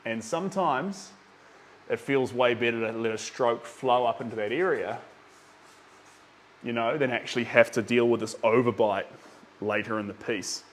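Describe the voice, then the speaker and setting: A young Kiwi man with a medium-pitched voice chats casually with viewers at a normal speed while he paints. He rambles with lots of ums and reads out names from the chat, with a little hiss or hum in the audio.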